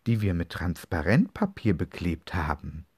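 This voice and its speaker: A man voicing a caring mother in a children's story, calling her kids in a raised, high voice. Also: big pitch swings, unhurried, darkish tone, breathy edge, no echo, exaggerated voice. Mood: showing proudly.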